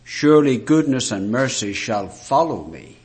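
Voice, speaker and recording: A man with a Northern Irish Ulster accent preaching a sermon in a deliberate, rhetorical way with emphatic phrases. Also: mid-range voice, expressive, a little mellow. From rural Ireland, Ulster.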